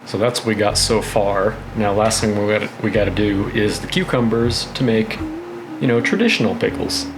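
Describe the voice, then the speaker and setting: Laid-back, low-voiced man rambling through cooking. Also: moderate pace, noisy background. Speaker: host of a cooking vlog. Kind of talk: casual chat while cooking, narrating each step. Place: home kitchen.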